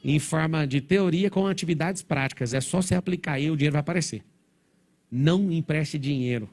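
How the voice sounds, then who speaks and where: A man giving a motivational stage talk to a live audience, blunt and provocative in a rapid-fire way. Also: on the high side, a little mellow. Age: adult, father of four. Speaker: motivational speaker.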